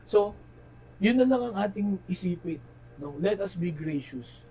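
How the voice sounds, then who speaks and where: Filipino pastor preaching, fairly high voice. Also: male voice, animated, mellow, a little hiss or hum, rough recording. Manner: Tagalog-English code-switching, tag "no?" after phrases; slows and drops his voice for key phrases, rises in pitch and volume elsewhere. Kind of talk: sermon.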